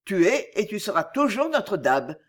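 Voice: medium pitch, sing-song, moderate pace. Brief: a reader plays a loyal murderer spilling his secrets, blunt, in a storybook reading. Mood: confiding. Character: male murderer, devoted to his gang boss.

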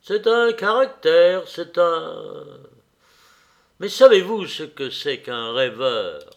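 A man reading a classic novel aloud, playing the first-person narrator's dialogue in an unhurried, theatrical way. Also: fairly high pitch, animated, vocal fry. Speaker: reader. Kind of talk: audiobook reading of classic fiction.

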